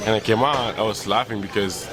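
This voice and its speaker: A man, calmly telling a friendly story. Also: on the low side, brisk, crowd noise. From Senegal. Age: 20s. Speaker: interviewee.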